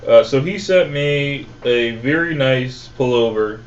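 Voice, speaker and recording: A man's voice: medium pitch, unhurried, muffled recording, slight background noise. A man co-hosting a comedy web show, rambling in casual banter, laughing often and swearing freely.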